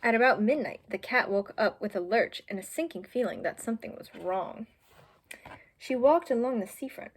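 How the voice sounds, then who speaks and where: An animated teen with a fairly high voice reads at normal speed. The student volunteer shares a children's picture book aloud, peppering it with chatty, informal asides for little listeners.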